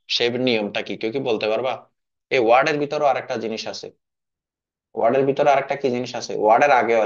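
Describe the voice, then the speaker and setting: পুরুষ শিক্ষক, বারবার প্রশ্ন করেন. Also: male voice, medium pitch, highs cut off. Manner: questions students, repeats himself. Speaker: English teacher. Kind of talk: classroom lesson.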